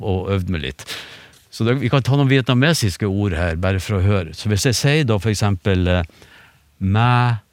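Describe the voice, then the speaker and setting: Man, deep voice, dry studio sound, relaxed explaining, lots of fillers. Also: dry recording. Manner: relaxed, hesitant, many fillers and restarts. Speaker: phonetics expert. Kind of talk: explanatory radio conversation. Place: radio studio.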